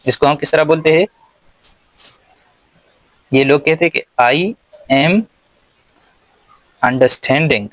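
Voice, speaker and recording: A man with a Pakistani accent teaching English slowly and deliberately, pausing word by word and repeating his questions. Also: fairly high pitch, level tone, no room sound, low-quality recording. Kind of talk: slow spoken English lesson.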